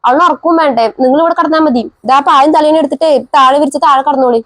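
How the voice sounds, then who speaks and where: A woman's voice: high-pitched, fast talker, fairly bright tone, dry recording. A woman playing a tired young mother and daughter-in-law in a comedy family skit. She talks in a coaxing, reasoning way.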